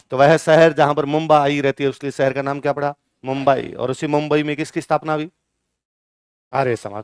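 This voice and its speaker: A man's voice: a little high, smooth, no room sound, clean studio sound. A male teacher giving a classroom lecture, firing questions at his students and answering them himself.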